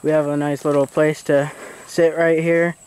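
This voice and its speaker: A young man filming a casual tour of a rented farmhouse, talking in a relaxed, plain, slightly halting way. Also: a little high, smooth. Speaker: family member filming a house tour. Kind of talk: casual handheld house tour. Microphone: handheld camera.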